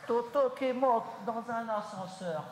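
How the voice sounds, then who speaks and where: A shy grown son, played by a man, stumbles through a joke with fillers and restarts. His mid-pitched voice rings through a very echoey, long-reverb hall with steady noise behind it. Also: measured pace. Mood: hesitant. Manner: hesitant, low-key storytelling with fillers. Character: shy, sulky grown son made to tell jokes. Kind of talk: live improvised comedy sketch. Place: conference hall stage.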